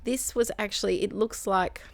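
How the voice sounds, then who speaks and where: Hosting her scrapbooking channel, this Australian woman talks through her craft process in a voice-over, wandering into asides and corrections while her sore throat steals her voice. The sound is gravelly and echo-free, medium in pitch, with fairly even intonation at a normal speed.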